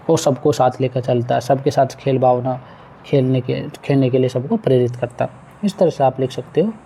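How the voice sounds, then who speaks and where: Patient male teacher with a mellow voice. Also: medium pitch, slight background noise. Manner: patient, repeats words, addresses pupils as "beta". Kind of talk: explaining a textbook exercise to students.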